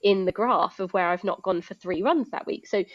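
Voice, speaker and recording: A woman's voice: medium pitch, normal speed, no room sound, highs cut off. A woman speaking as a guest in a live online talk, chatty and explanatory with many fillers. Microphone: video call.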